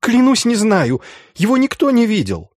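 A man's voice: high voice, normal speed, mellow, no room sound, clean studio sound, pitched above the performer's own voice, close to an everyday voice. A man voicing a terrified accused sorcerer who pleads frantically and tearfully. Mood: panicked.

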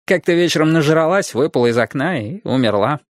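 A man's voice: a little high, lively intonation, a little fast, no room sound, studio quality, voice pushed up, close to an everyday voice. A man voicing a worldly, mocking teenage boy who talks in an offhand, shrugging way. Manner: shrugging, nonchalant delivery.

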